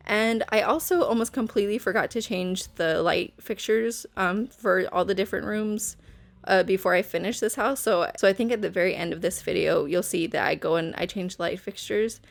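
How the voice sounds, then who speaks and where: A young woman who makes Sims speed builds records a casual voice-over on her phone at home in her bedroom, soft music playing behind her. Nervous and rambling, she uses many fillers and restarts, speaking at normal speed in a creaky, mid-range voice.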